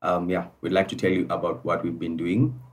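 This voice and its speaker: Male guest from Kenya, low and quite flat, polite measured conversation, distant mic. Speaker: podcast guest. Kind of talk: conversational interview answers.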